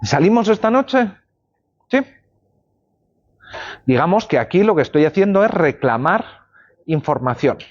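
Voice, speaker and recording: His voice is a little high and very animated, unhurried, with frequent pauses. He's a law lecturer at a university, explaining ideas with everyday examples and checking in with students, recorded in a dull, lo-fi classroom.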